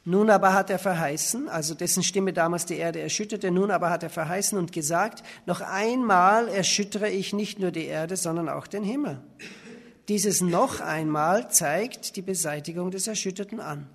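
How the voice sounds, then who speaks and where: A man's voice: sits high, normal speed. A man preaching a sermon, reading verses aloud and pressing his points with emphatic rhetorical questions. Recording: reverberant hall.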